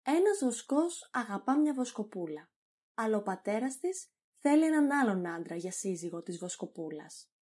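A woman's voice: on the high side, sing-song, mellow, breathy edge. A woman reading a polite young male suitor. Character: young male lover in disguise.

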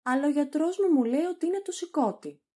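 Woman reading old male hypochondriac, irritable, fussy, husky, mellow. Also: high voice, very animated, heavily acted. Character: grumpy older male hypochondriac master.

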